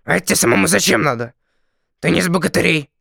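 A man's voice: high-pitched, fast talker, vocal fry, dry recording, studio quality, pitched above the performer's own voice, exaggerated voice. A man voicing a sly, mocking storybook dragon. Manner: mocking, lively, chuckling. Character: sly, good-humored male dragon, amused and condescending. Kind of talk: storybook reading.

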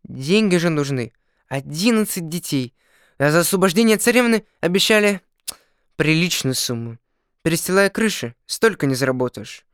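A man's voice: fairly high pitch, animated, normal speed, a bit bright, clean tone, no echo, clean studio sound. A man doing a nervous, stammering peasant. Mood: earnest. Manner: earnest, flustered, stammering. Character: nervous, earnest peasant potter, father of many. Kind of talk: storybook reading.

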